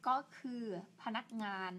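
A woman's voice: a bit bright, slight background noise. A young woman teaching an English lesson, drawing out each English word and chatting in a friendly, self-deprecating way. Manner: slow, drawn-out English words with repeated Thai polite particles; chatty and self-deprecating, asks viewers for help. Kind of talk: bilingual online English lesson.

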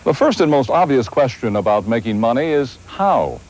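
A middle-aged American man presents scripted infomercial copy, full of rhetorical questions. His mid-pitched voice moves expressively, with music playing behind it. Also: big pitch swings, moderate pace, a little mellow, low-quality recording. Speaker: infomercial host.

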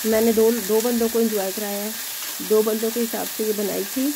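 A woman's voice: fairly high pitch, steady tone, normal speed, noisy background. A woman hosting a home cooking video, chatting in an encouraging way as she cooks in her kitchen. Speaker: home cooking channel host. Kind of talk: casual cooking demonstration.

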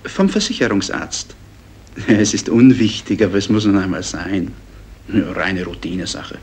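An actor playing a middle-aged film production aide in a drama, courteous, formal and businesslike. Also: male voice, sits low, normal speed, a little mellow, a little hiss or hum, natural voice. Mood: polite, businesslike. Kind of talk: naturalistic film acting.

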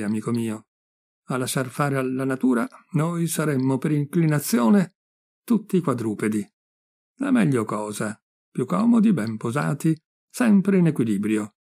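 A man's voice: mid-range voice, gravelly. A man voicing a boisterous teasing old friend. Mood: exuberant. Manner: joking, lively, teasing. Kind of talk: audiobook reading.

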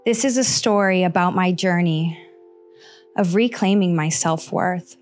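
A lowish-voiced woman in her 30s, from Costa Rica, performs a heartfelt personal story monologue on a small stage before seated listeners. She holds a handheld mic as faint music plays underneath, speaking slowly and earnestly with frequent pauses.

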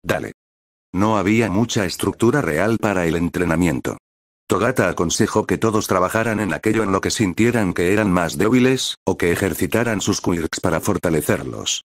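A man reading a fanfiction story aloud in an even, unhurried manner. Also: low-pitched, dry recording, studio quality. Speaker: fanfiction reader. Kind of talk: read-aloud narration.

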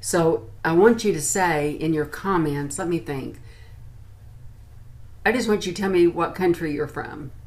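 An American beauty and lifestyle vlogger in her sixties chats informally to the camera while reviewing products. Her voice is low and darkish, and she speaks unhurriedly. She's indoors, in a small furnished room at home.

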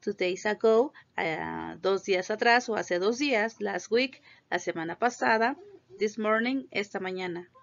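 Slow careful woman teacher, repeats words, dull muffled recording. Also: medium pitch, gravelly. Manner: patient, repeats each word slowly for pronunciation. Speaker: English teacher. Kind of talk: slow classroom lesson explaining grammar.

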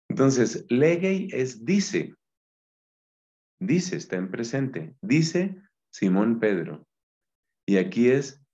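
Friar guy explaining bible greek real slow, patient, kinda muffled lo-fi audio. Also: medium pitch, darkish tone. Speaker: Dominican friar teaching. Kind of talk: Bible Greek lesson with chanted verses. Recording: dull lo-fi sound.

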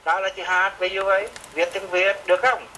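A man teaching music software to a student, with a fairly high, bright voice. He gives patient, repetitive step-by-step instructions. Faint noise sits behind him. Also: little pitch movement, brisk, low-quality recording. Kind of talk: remote software lesson.

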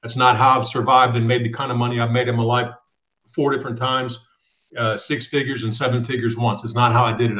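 A man's voice: mid-range voice, a bit bright. Middle-aged man hosting a live chat, roomy sound. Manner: firm, direct, reads viewer questions aloud. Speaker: host of a live trucking channel. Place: small home room. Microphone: webcam on a video call. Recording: roomy, dull webcam audio.

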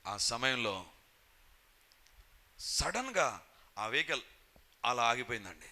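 Bright-voiced preacher telling a story. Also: male voice, mid-range voice, sing-song, takes it slowly. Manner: storytelling, acts out shouted quotes. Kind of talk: sermon testimony.

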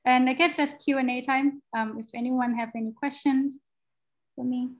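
On a laptop-mic video call, a young adult woman from Thailand, appearing as a guest product designer, fields questions in a relaxed way, using fillers and restarting as she thinks aloud. She has a high-pitched, steady voice at a moderate pace, and the sound is dull.

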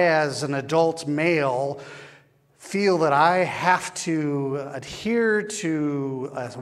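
A man preaching a sermon as pastor, slow and measured with long pauses, recorded in a church. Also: fairly high pitch. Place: church sanctuary. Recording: long church hall reverb.

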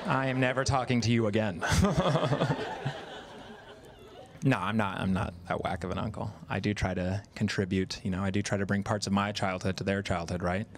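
A man in his thirties performs stand-up at a live comedy venue with an audience, chatty and self-deprecating, acting out quoted voices. His fairly low voice holds a steady tone at normal speed, with slight background noise.

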